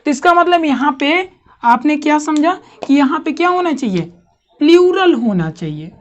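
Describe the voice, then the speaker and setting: High-voiced woman teaching grammar. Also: lively intonation, normal speed, muffled recording. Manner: questioning, checks understanding often. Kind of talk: classroom grammar lesson.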